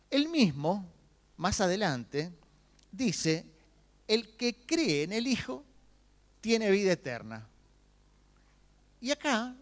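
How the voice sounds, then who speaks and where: A man's voice: high voice, in a large hall. A man, a pastor with a Rioplatense Spanish accent, preaching a sermon and acting out the voices of the people he quotes. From Argentina. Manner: animated preaching, voicing quoted speakers. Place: church.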